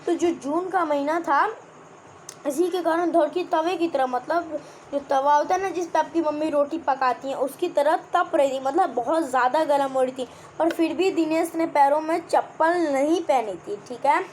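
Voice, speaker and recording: High-pitched young woman teacher going through a kids story, keeps asking the class stuff, bit of hiss behind. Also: normal speed, darkish tone. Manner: repeats and explains words, asks the class questions. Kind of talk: explaining a children's textbook chapter.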